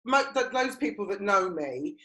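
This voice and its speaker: A woman's voice: medium pitch, sing-song, normal speed, a bit bright. A middle-aged woman with an Essex accent, co-hosting a podcast and telling personal stories in a conversational way. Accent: Essex English. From Romford, Essex, England. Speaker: podcast co-host. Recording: roomy, echoey sound.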